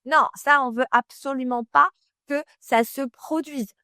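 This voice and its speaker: A woman walks the listener through employer branding in a casual, direct voice that sits a bit high. She speaks to the listener as "tu", peppering her points with fillers. The sound is dry and close, with no room around it. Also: fairly even intonation, a little slow, pushed and bright, no echo. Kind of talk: casual expert explainer.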